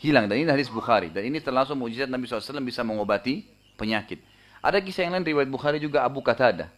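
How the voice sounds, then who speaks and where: Fast-talking male preacher telling a story. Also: mid-range voice. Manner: animated retelling, frequent tag questions, voices the quoted people. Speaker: Islamic preacher. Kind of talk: storytelling religious lecture.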